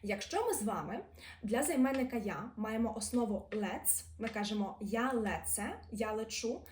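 A woman teaching a grammar lesson, reading example words slowly and carefully. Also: on the high side, mellow. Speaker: language teacher. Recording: echoey room.

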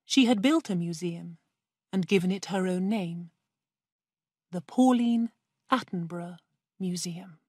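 A woman reads a simple story aloud for language learners. Her delivery is slow and careful, her voice soft and breathy, and the recording is dry and close. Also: fairly low pitch, no room sound. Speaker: narrator. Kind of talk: slow scripted audiobook reading for learners.

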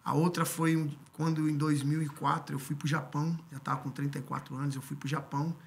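Gravelly fifty-something man telling stories. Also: a little high, brisk, slight background noise. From Brazil. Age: 50s. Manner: relaxed storytelling with many tag questions. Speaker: guest, former footballer and coach. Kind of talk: casual interview. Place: podcast studio. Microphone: studio mic on stand.

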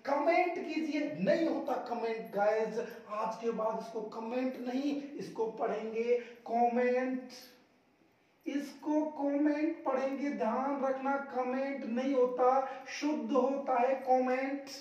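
Energetic man teaching pronunciation, echoey. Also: very high-pitched. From India. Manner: drills words loudly and repeats them, urging viewers to say them along. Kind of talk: energetic classroom lesson. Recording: very echoey room, mic far off.

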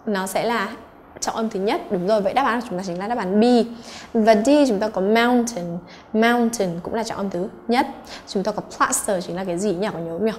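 A woman's voice: mid-range voice, darkish tone, a little hiss or hum. A woman English teacher, patiently going through exam answers and checking in with her students.

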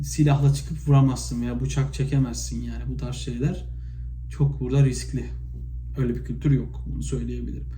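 A man from Turkey vlogging in a casual, spontaneous monologue, retelling stories with lots of fillers and animated bursts. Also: medium pitch. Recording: echoey room, faint background noise.

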